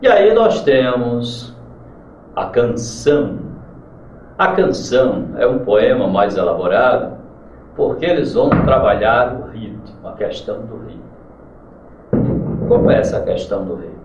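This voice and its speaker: A man's voice: mid-range voice, very animated, a little slow, long pauses, darkish tone. A man with a Brazilian Portuguese accent teaching a literature lesson, explaining and chanting verse rhythms aloud. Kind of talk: classroom lecture. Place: classroom. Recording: roomy, distant, dull mic with faint noise.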